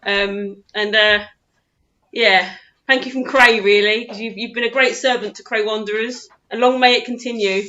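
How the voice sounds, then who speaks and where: A woman's voice: mid-range voice, fairly even intonation, normal speed, bright, forceful tone, dull audio. A woman co-hosting a casual chat, effusive and affectionate in how she speaks. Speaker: co-host from a football club. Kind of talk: casual heartfelt tribute chat.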